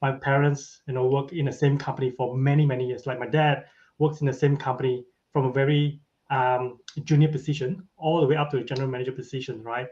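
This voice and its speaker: A Malaysian podcast guest chats casually about his life in an interview, ending sentences with a questioning "right?". His mid-range voice is flat and darkish, and he talks fast. The audio is dull and lo-fi.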